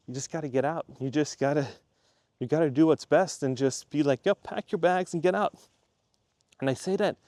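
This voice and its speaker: A Swiss YouTube creator talks casually to camera, rambling chattily and circling back to the same point again and again for emphasis. His voice sits a bit higher than most men's, with a darkish tone. The sound is dry and close, with no room echo.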